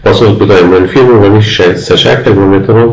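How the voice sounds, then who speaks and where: A man with an Afghan Dari accent giving a recorded grammar lecture, patiently explaining and slowly repeating example sentences. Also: on the low side, a little mellow, roomy sound, low-quality recording. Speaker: university English lecturer.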